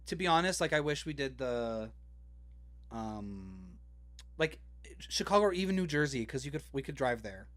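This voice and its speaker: A man's voice: medium pitch, sing-song, moderate pace, fairly bright tone. A man co-hosting a podcast in casual chat, self-deprecating, swearing and laughing a lot. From Canada. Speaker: podcast co-host.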